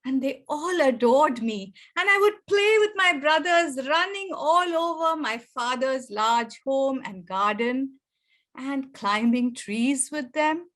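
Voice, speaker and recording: An older Indian woman whose first language is Tamil tells a personal story to an audience. Her voice is high and slow, and her performance is expressive, swinging widely in pitch and loudness.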